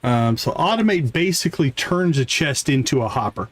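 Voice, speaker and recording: Hosting a game stream, a man explains what's on screen and thinks aloud casually as he plays. His mid-range voice is animated and moves at a normal speed.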